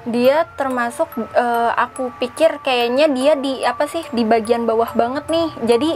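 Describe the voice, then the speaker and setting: A young woman in her twenties casually retelling a ghost account, halting and searching for words, on a lapel mic in an indoor studio. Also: fairly high pitch, faint music behind. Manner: halting, searching for words, animated hand gestures. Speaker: storyteller. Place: indoor studio with a draped backdrop.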